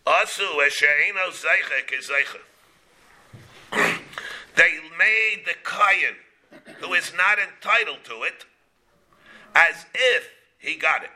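A man with a very bright, forceful, somewhat high voice gives a Talmud lesson. He works through the text in short phrases, repeats them, and asks questions that he then answers himself. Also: animated, slow pace, pauses often, low-quality recording. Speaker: rabbi teaching a class. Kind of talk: Talmud lesson, reading and explaining.

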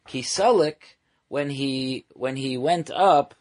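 A man who is a rabbi teaching a Talmud lesson, translating phrase by phrase with Hebrew and Aramaic terms and occasional halting restarts. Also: mid-range voice.

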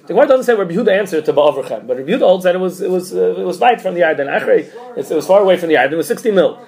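A teacher leads an informal Talmud class, thinking out loud in a halting way and often repeating or restarting phrases mid-thought. His voice is high-pitched, animated and creaky, with a darkish tone.

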